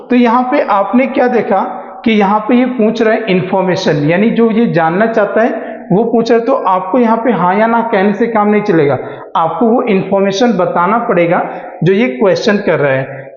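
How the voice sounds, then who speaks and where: High pitched guy teaching english grammar, slow careful examples, muffled echoey room. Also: darkish tone. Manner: explains slowly, reads English examples aloud at a very slow pace. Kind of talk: spoken English lesson. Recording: echoey dull room recording.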